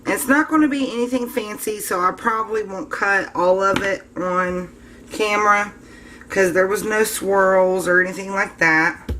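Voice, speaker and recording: A woman's voice: mid-range voice, normal speed, background noise. A woman hosting a soap-making channel, chatting casually to viewers while she demonstrates and cuts her soap. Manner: chatty, addresses viewers as guys.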